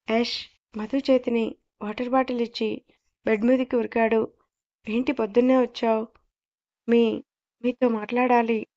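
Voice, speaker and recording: A woman reading a romance audio story as narrator, in steady storytelling. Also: on the high side. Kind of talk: scripted narration. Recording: dull lo-fi audio.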